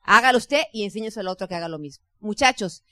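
A woman with a Mexican accent giving a motivational business talk as a team leader, chatty and lively, often imitating other people's voices. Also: medium pitch, quick pace, dry recording, clean studio sound. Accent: Mexican Spanish. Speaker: network marketing team leader.

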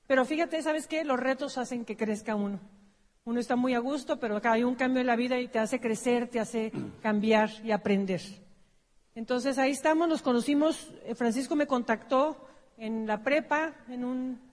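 Woman, Mexican accent, seminar speaker, storytelling, self-corrections, fairly high voice, long hall reverb. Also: normal speed. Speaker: business seminar presenter. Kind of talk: personal storytelling on stage.

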